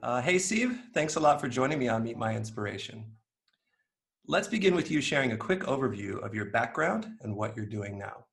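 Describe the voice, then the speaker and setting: A man hosting an interview podcast, asking questions in a friendly, measured way. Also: medium pitch, big pitch swings, vocal fry, fairly bright tone, faint music behind. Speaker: podcast host.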